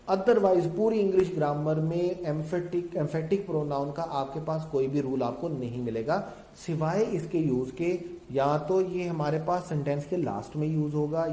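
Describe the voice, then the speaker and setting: A male grammar teacher, lecturing in a mellow, slightly high voice. He poses questions to his students and answers them himself, calling them children. The room around him is echoey. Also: a little hiss or hum. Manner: explains in a mix of Urdu-Hindi and English terms, asks and answers his own questions. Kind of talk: recorded classroom lecture.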